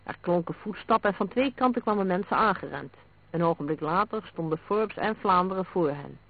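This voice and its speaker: Man narrating a detective story, high and tinny. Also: expressive, a little fast, vocal fry. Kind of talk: audiobook reading of a detective story. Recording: narrow phone-like sound.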